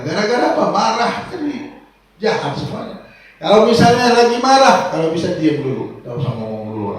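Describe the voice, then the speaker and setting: A man preaching a sermon, swinging between soft low asides and loud raised exhortation. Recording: echoey hall, voice from far off.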